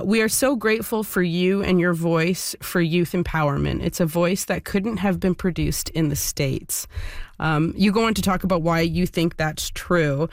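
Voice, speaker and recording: A woman's voice: fairly low pitch, dry recording. Hesitant podcast host woman, dry mic. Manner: hesitant, many fillers. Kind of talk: casual interview chat.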